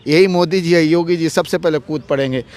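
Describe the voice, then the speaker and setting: A man with a somewhat high voice speaks as an interviewed advocate. He argues forcefully, piling up rhetorical questions and repeated phrases. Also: brisk. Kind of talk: heated political interview.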